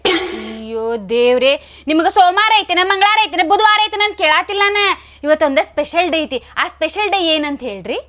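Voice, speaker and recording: Woman as a high, bright, nagging young wife with a North Karnataka Kannada accent, quick and coaxing. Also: lively intonation. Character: pleading, whiny young wife. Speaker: comedy sketch actor. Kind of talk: comic sketch acting.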